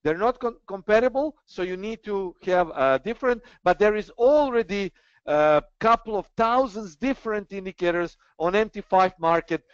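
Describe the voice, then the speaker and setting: A man hosts an online trading webinar in a high, expressive, smooth voice at normal speed, speaking earnestly and persuasively but hesitating often. The audio is dull and dry, with no room sound.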